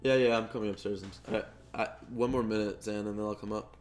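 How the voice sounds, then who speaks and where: A man's voice: on the low side, fairly even intonation, fast talker. Stammering young male game streamer. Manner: stammers and repeats words, talks to chat while playing. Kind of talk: casual live-stream chat.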